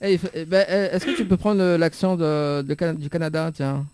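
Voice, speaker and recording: A male radio host leads an interview in a friendly manner, with a lot of hesitation sounds between his questions. His voice sits a little high for a man. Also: level tone, fairly quick, a little mellow, slight background noise. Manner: friendly, lots of fillers. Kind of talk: interviewing a guest.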